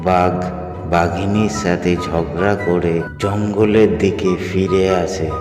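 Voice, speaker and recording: A man with a low, steady voice slowly narrates a scripted children's fairy tale in a storytelling role. The recording is set in an echoey hall with loud music playing behind him.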